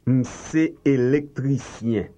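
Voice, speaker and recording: On a dull, lo-fi tape, a man with a dark-toned, mid-range voice works slowly through a scripted phrasebook drill. He repeats each language-course line with care and a lilting cadence.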